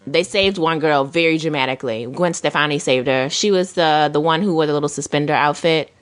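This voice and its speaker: A woman's voice: deep voice, a little fast. A woman co-hosting a podcast, rambling in casual chat about TV shows with dramatic asides. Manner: animated, rambling, dramatic impressions. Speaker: podcast co-host.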